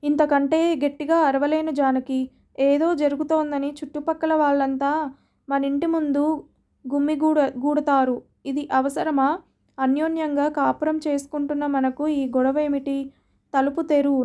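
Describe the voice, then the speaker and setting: A woman's voice: high-pitched, little pitch movement, normal speed, warm tone, natural voice. A woman voicing an earnest young husband who pleads in a read-aloud story. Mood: pleading. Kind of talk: storybook reading.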